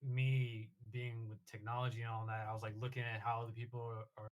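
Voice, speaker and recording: Mid-pitched Bay Area guy, casual bro. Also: flat delivery, fairly quick, lo-fi sound. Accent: Californian, Bay Area. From San Francisco Bay Area, California. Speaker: podcast guest. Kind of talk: casual chat.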